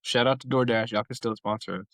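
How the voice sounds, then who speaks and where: Young man, podcast co-host, animated storyteller, dry close mic. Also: mid-range voice, fairly quick, no room sound, low-quality recording. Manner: animated storyteller, playful shout-outs. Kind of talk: casual podcast chat.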